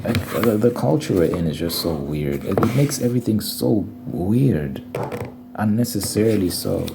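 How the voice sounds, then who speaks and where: A man's voice: fairly low pitch, lively intonation, normal speed, gravelly. A young man rambling casually in an ASMR video, talking in an informal, slangy, complaining way. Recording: noisy recording with clicking sounds.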